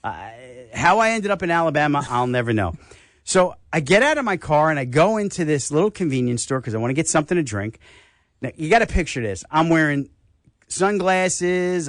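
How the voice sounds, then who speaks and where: Lively older New York man hosting radio. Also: medium pitch, no room sound, studio quality. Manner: animated storyteller, acts out voices. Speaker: radio show host. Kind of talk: casual radio chat.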